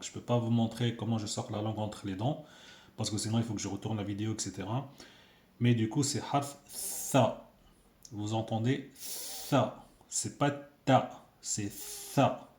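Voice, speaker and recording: In an echoey room, a male Arabic teacher gives a casual video lesson, patiently repeating sounds for his learners. His voice is fairly low and darkish in tone.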